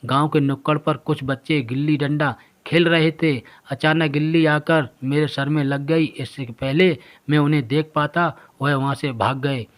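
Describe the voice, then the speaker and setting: A man voicing a poor, tired middle-aged farmer father in a storybook tale, speaking softly. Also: on the high side, fairly even intonation, normal speed, natural voice. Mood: weary. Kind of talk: storybook voice acting.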